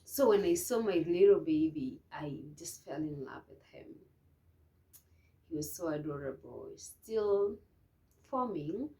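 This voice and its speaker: A young woman telling a personal story to camera, emotional and hesitant, with many restarts and soft, trailing phrases. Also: low-pitched, lively intonation, measured pace. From Kenya. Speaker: vlogger.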